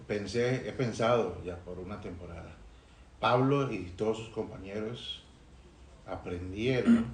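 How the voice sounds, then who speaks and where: A man from Rica, sharing thoughtfully in a Bible study discussion, pausing and restarting. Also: on the low side, slight background noise. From Costa Rica. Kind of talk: reflective group discussion. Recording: roomy recording.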